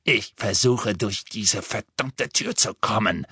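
A man reading an audiobook voices a coarse, vulgar male henchman who shouts and bangs at a door. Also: fairly low pitch, takes it slowly, husky, no echo, clean studio sound, heavily acted. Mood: furious. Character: coarse brutish male henchman, bellowing and crude.

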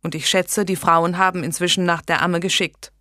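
A firm, level young man cutting in with quiet authority, voiced by a woman narrator. the read is lowish, close and dry with no room sound. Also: level tone, moderate pace, no room sound. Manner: firm, growling.

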